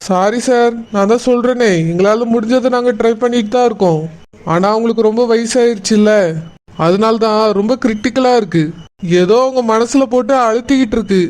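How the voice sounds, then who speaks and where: A performer voicing a calm, polite hospital doctor in a cartoon, speaking in a measured, formal way. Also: medium pitch, close to an everyday voice. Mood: solemn. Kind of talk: cartoon voice acting.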